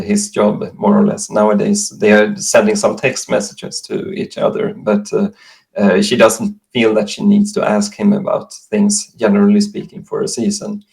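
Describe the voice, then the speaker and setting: A man with a Swedish accent, a native Swedish speaker, giving measured, explanatory interview answers in English. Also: fairly low pitch, vocal fry, a little mellow. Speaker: interview guest.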